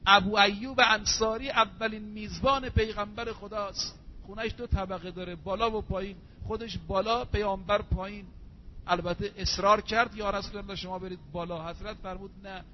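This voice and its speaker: A man giving a sermon, reciting Arabic verses slowly and then explaining them in everyday speech. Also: sits high. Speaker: preacher. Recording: dull lo-fi recording with faint hum.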